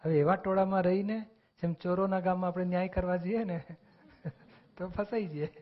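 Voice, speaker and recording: A man talks through spiritual teachings in an earnest, explanatory way, now and then acting out short bits of dialogue. His voice sits a little high for a man. The recording is dull and lo-fi. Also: fairly even intonation, moderate pace. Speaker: spiritual discussion speaker. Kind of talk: religious discourse explanation.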